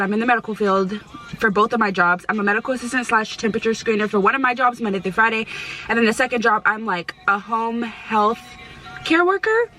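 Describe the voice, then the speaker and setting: A young woman vlogs with a very bright, somewhat high voice over music. She talks casually in slangy stoner style, swearing freely and repeating words for emphasis. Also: low-quality recording. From United States. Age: young adult. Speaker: vlogger. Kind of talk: casual chat to camera.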